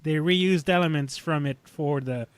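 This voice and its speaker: A man co-hosting a casual fan podcast, talking in a halting way with many fillers and restarts. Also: fairly high pitch, no room sound. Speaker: podcast co-host. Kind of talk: casual chat.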